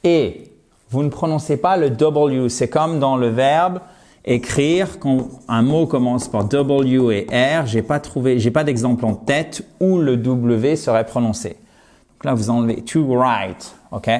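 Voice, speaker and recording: A man gives an online English lesson at an unhurried, deliberate pace. His voice sits at an ordinary middle pitch, and he explains patiently, repeating words again and again so learners can copy them. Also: darkish tone. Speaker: English teacher.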